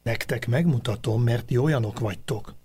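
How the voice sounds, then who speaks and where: An older poet, gentle and affectionate, greeting a younger friend like family, as a male reader puts him on. His voice is husky and familiar, close to the reader's own tone. It is a character voice in a read-aloud memoir. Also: mid-range voice.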